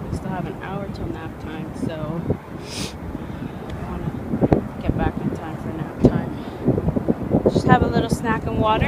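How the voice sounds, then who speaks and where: A young woman, a mother, chatting through her vlog in a gushing, chatty way with soft half-whispered asides, at home and then out at a park. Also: fairly low pitch. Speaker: vlogger and mother. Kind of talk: casual vlog narration. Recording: steady background noise.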